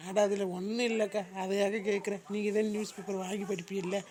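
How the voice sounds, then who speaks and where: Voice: medium pitch, little pitch movement, brisk, a little mellow, natural voice. A performer voicing a sly woman neighbor in a comedy cartoon, evasive and wheedling. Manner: evasive, then begging. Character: sly pleading woman neighbor caught thieving.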